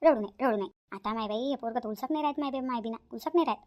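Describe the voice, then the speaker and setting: A woman's voice: fairly high pitch, rapid-fire, a little mellow, close to an everyday voice. A woman voicing a bossy, grumbling older village mother-in-law in a cartoon, speaking shrilly. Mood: soothing, grumbling. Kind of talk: cartoon voice acting.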